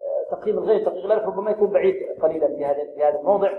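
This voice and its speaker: A man teaching Quran recitation, quizzing his students and modelling slow, drawn-out pronunciations. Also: high-pitched, phone-quality sound. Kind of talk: tajweed lesson with students. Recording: echoey room, faint noise.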